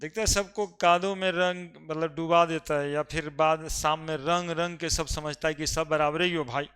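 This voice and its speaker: A man's voice: fairly high pitch, steady tone, normal speed, clean tone. A man teaching a chemistry class, chatting and joking with students before explaining with emphasis. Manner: loud and emphatic when explaining.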